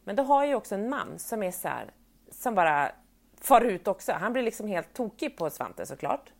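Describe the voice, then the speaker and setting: Woman, thirties, podcast co-host, casual chat, animated storytelling. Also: medium pitch, creaky. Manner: animated storyteller who acts out quoted family members.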